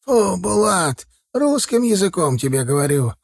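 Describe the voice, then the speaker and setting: A man voicing an old, gruff night watchman with a hoarse, strained voice who barks drawn-out orders. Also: high-pitched, big pitch swings, dry recording, clean studio sound, pitched above the performer's own voice, full character voice. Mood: commanding. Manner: barking, drawn-out shouts.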